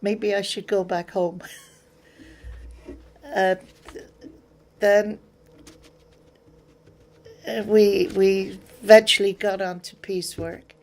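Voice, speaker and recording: Long pauses break up this older Englishwoman's slow, level speech, her mid-range voice darkish in tone. English-accented, she tells her memories in an interview in a plain way, acting out the exchanges she recalls.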